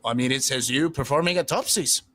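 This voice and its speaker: A man's voice: mid-range voice, fairly quick, crowd noise, close to an everyday voice. A man voicing a teenage innkeeper's son who talks in a blunt, matter-of-fact way. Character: teen innkeeper's son, brisk and cheeky.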